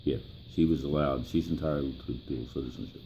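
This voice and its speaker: An old American man with an extremely low voice full of gravelly creak. He reminisces plainly and haltingly, pausing mid-phrase. Clear background noise sits behind him. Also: fairly even intonation, dull audio. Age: 70s or older. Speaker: interviewee, grandfather. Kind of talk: reminiscing in an interview.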